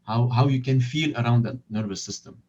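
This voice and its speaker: The recording is lo-fi and heavily compressed, taking the edge off a man's medium-pitched voice. He is a non-native English speaker answering as an interview guest. His explanations come haltingly, with repeated phrases as he searches for the next word. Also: darkish tone. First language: not English. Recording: dull, compressed lo-fi audio.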